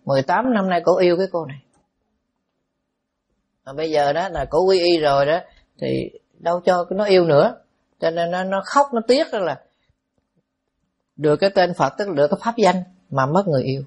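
A man, a Buddhist monk telling a story in a lively, anecdotal way, with asides to the audience. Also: sits high, fairly quick, long pauses, breathy edge. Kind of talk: storytelling sermon.

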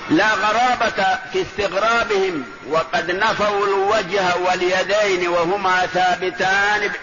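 A man giving a religious lesson, explaining a text deliberately and pressing his point with rhetorical questions. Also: high voice. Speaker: religious teacher. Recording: muffled old lecture tape with loud hiss.

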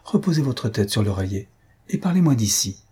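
A man voicing a young woman nursing her beloved, hushing him and softly scolding him to keep quiet. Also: medium pitch, very animated, fairly quick, husky. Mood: gently firm.

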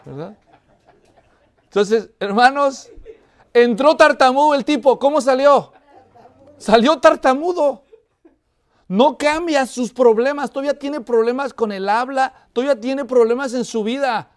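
A man's voice: very high-pitched, measured pace, long pauses, clear, resonant tone. A man preaching an expository sermon who keeps asking the congregation whether they follow. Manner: asks the congregation frequent check-in questions; tells a joke in a lively, animated way.

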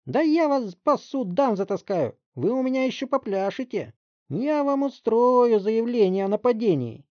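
A man voicing a loud, hot-tempered middle-aged housewife who screams and scolds in a shrill voice. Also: big pitch swings, normal speed, dry recording, muffled recording, full character voice. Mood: shrieking outrage. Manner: shrieking, scolding, outraged.

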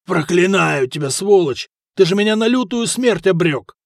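A desperate male swindler, voiced by a man in an audiobook, frantic and pleading. His voice is high and close. The recording is dry. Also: expressive, moderate pace, vocal fry, dry recording.

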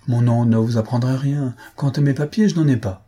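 Brief: male narrator doing a smart, unflappable young student, soft and polite, warm husky tone. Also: mid-range voice, fairly quick, natural voice. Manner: soft-spoken, infinitely polite. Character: polite, clever teenage schoolboy posing as reporter. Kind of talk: audiobook character reading.

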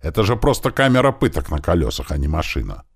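A man voicing an exasperated, grumpy man yelling about a rattling car. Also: extremely low pitch, big pitch swings, quick pace, creaky, husky, heavily acted. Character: grumpy man, fed-up driver.

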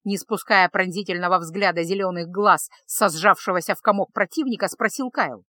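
A woman reading an audiobook as narrator, in an even, unhurried manner. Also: fairly low pitch, dry recording, studio quality. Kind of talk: scripted narration.

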